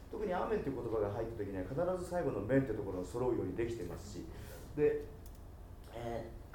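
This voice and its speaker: A man coaching a choir in rehearsal, explaining entries and diction and singing bits of the phrases to show the rhythm. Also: medium pitch. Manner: animated, explains with sung rhythm examples. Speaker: choir conductor. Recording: roomy, distant mic, faint noise.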